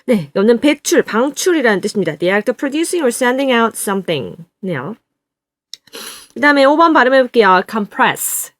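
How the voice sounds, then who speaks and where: A woman teaching an online English lesson. She says each word slowly and has students repeat it. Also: fairly high pitch, big pitch swings, fairly bright tone, no room sound. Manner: drills words slowly, repeats them for students to copy.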